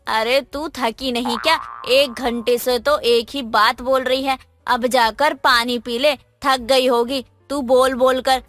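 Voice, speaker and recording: An impatient, sharp-tongued mother-in-law nags and scolds, voiced by a woman. The voice is high-pitched, over faint background music in this animated tale. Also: takes it slowly, hardly any pauses. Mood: scolding. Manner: scolding, nagging. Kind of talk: animated moral story dialogue.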